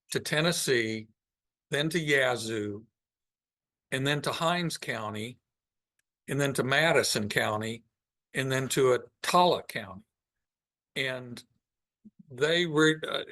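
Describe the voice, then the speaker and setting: Slow, unhurried man presenting slides. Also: medium pitch, fairly bright tone. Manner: unhurried, thinking aloud with frequent pauses. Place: meeting room with a live audience.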